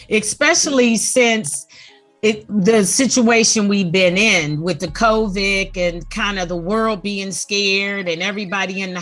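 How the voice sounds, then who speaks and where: Woman podcast host, unhurried and bright, friendly casual banter over a video call. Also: mid-range voice. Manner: upbeat, friendly, slang-heavy. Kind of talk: casual interview chat.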